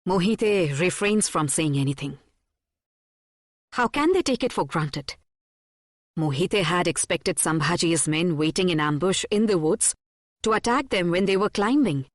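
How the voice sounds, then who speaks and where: A woman narrating a historical audiobook in a measured, dramatic storytelling manner on a close studio mic. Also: on the low side, expressive, dry recording. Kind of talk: scripted narration.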